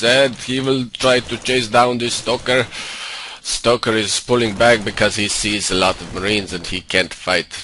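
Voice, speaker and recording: A man's voice: deep voice, sharp tone. A man putting on a Russian accent for comic effect, commentating on a video game in a cocky, condescending manner. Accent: put-on Russian. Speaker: StarCraft game caster and streamer. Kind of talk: live-style game commentary. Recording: home computer mic with faint noise.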